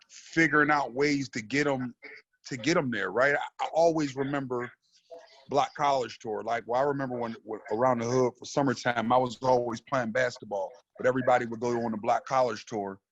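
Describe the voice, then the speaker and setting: A man speaking from home in a casual panel discussion over a remote call, halting and repeating words as he goes. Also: medium pitch, a bit bright, dry recording, dull audio. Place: at home on backup generator power.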